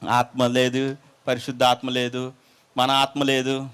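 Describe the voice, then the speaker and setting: A man's voice: mid-range voice, measured pace, clear, resonant tone. A male preacher giving a humorous sermon, telling a story and acting out its dialogue. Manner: animated, acts out dialogue, jokes with listeners.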